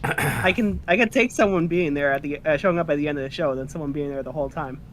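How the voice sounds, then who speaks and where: A calm participant in a group call who explains opinions in a measured way. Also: medium pitch, slight background noise. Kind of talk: casual chat on a call.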